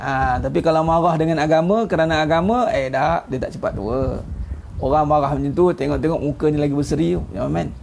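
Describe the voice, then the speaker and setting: This ustaz, a middle-aged Malaysian man with a Malay accent, speaks a little high and briskly in a gravelly, slightly mellow voice. His informal online religious talk is chatty and teasing, and he laughs at his own jokes; there's a slight hiss or hum.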